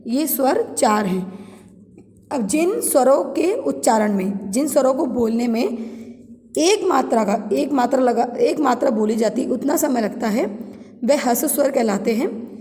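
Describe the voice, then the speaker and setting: A woman teaching a grammar lesson to students. She reads each definition, then repeats and explains it slowly in simpler words. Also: sits high, expressive, warm tone, big-room sound. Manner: addresses students directly. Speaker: Hindi teacher.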